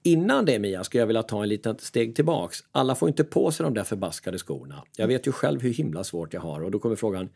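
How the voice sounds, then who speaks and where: A man who works as a mental coach, giving casual advice in a lively, self-mocking way and acting out his own inner voices. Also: lowish voice, creaky, few pauses, slightly rough.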